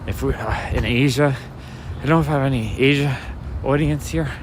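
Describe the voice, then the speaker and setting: This walking vlogger and livestreamer has a raspy, medium-pitched voice and talks fairly quickly, rambling softly and chattily to his viewers as he makes his way down a city street at night. His handheld phone records the street noise and vehicles going by.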